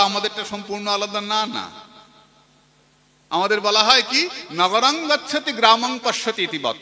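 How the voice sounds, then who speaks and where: A man's voice: high-pitched, bright, forceful tone. A man giving a devotional sermon in a folksy storytelling way, joking with his listeners now and then. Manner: folksy storytelling with playful asides to the congregation. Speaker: preacher. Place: gathering with a live audience.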